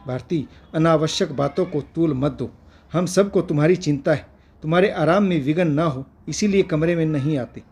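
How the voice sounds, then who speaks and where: A man voicing a dismissive, lecturing middle-aged husband in a read-aloud family story, with a husky voice. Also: on the high side, normal speed, darkish tone. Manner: curt, lecturing reading.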